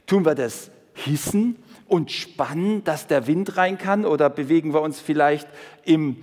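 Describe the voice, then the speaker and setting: A man with a high voice delivers a sermon, pressing his points with raised and hushed tones. He slows down to lean on quoted scripture. His voice rings out in a church hall with a long echo tail. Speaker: preacher.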